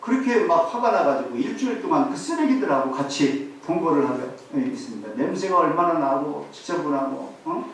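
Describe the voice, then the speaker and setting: Lively male pastor in echoey church. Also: fairly high pitch, fairly quick, few pauses, distant mic. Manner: animated storytelling, rhetorical questions to the congregation. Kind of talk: sermon. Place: church sanctuary. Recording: very echoey hall, voice off-mic, faint hiss.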